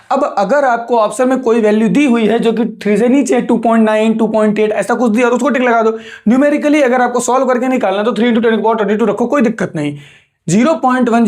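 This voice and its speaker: A young man with an Indian English accent, a teacher going step by step through exam sums, often putting a question to the class and answering it himself. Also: high voice. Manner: explains step by step, asks and answers his own questions. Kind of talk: exam revision lesson.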